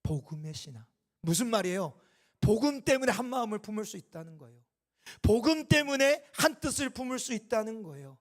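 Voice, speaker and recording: A man preaching a Sunday sermon as a pastor, building to impassioned loud peaks and falling back to quiet, and acting out the dialogue in his stories. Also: high voice, sing-song, fairly quick. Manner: acts out quoted dialogue in the telling. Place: church sanctuary.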